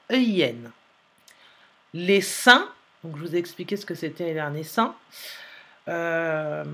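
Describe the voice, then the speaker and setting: Female teacher, low husky voice, unhurried and careful dictation. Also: a bit bright. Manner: slow, careful dictation, repeating and spelling letters aloud. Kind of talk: French phonics lesson.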